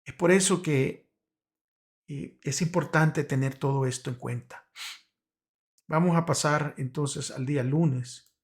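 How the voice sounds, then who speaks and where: A man's voice: a little high, slow, long pauses. A man reviewing a Sabbath school Bible lesson, explaining with frequent rhetorical "right?" checks and hesitant restarts. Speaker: Bible study teacher.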